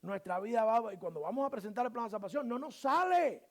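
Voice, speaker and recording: A male pastor preaching a sermon, firing off rhetorical questions and swinging between loud emphasis and quiet asides, now and then acting out short voices of church members. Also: sits high, lively intonation, fast talker.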